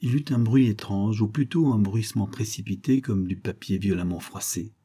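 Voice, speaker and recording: Male audiobook narrator, low pitch, dark husky voice, measured phrasing. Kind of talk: scripted literary narration.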